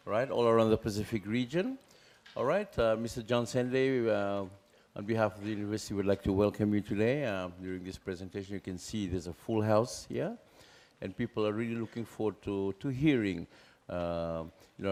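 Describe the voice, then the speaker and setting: A man acts as master of ceremonies, haltingly introducing a speaker and checking in with the audience. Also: on the low side, a little mellow. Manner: halting, engages audience with tag questions. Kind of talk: informal live introduction. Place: indoor hall, standing at a lectern.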